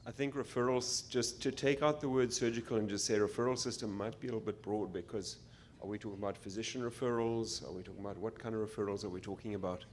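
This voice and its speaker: Male doctor, somewhat low voice, hesitant floor comment, faint background hiss. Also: steady tone, fast, hardly any pauses. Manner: hesitant, with fillers and repeats. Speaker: physician delegate. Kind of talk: assembly floor speech.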